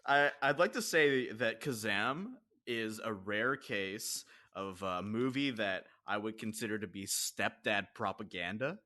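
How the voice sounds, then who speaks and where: A man's voice: on the low side, animated, unhurried, hardly any pauses, bright, forceful tone. A man co-hosting a podcast, mocking a movie in sarcastic, laughing casual chat. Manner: sarcastic, mock-outraged, laughing. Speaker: podcast co-host.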